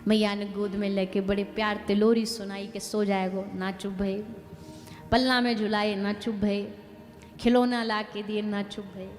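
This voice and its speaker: A woman with a Braj accent narrating a devotional story in a lively, conversational way. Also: medium pitch, a little slow. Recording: long hall reverb, faint music.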